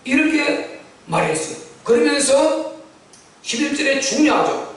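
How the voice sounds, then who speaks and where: High-pitched guy preaching a lively sermon, acts out the lines, mic far off in a big echoey church. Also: a little slow. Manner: animated storytelling, acts out quoted lines. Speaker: pastor. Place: church sanctuary.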